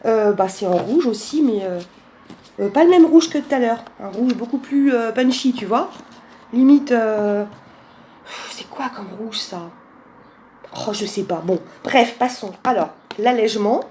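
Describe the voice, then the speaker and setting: A woman's voice: a little high, unhurried, pauses often, mellow, a little hiss or hum. A woman casually presenting a card deck in a vlog, chatty, with many fillers and frequent laughs. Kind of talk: casual chat.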